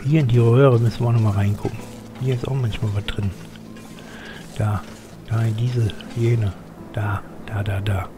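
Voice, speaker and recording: A man's voice: medium pitch, fairly even intonation, normal speed, pauses often, music in the background. An older man gives chatty live game commentary, muttering to himself and grumbling at his character. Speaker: let's play streamer.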